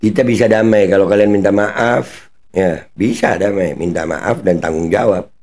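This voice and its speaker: This is a man delivering heated commentary on his own channel. His voice has a gravelly edge, and he talks in blunt, mocking street slang with the occasional swear word. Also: on the low side, moderate pace, darkish tone.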